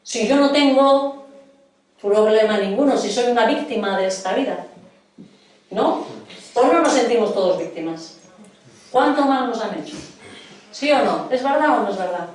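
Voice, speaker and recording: A woman's voice: fairly high pitch, lively intonation, moderate pace, pauses often, darkish tone, distant mic. A middle-aged woman from preaching a sermon in a church hall, earnestly questioning her congregation. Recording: echoey hall, voice from afar.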